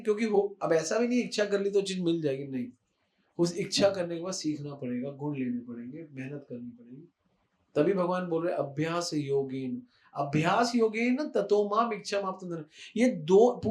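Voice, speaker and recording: A high-voiced man gives an emphatic devotional talk. He repeats his key words for weight and drops English phrases in as he goes. The room around him rings with echo. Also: darkish tone. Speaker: spiritual speaker.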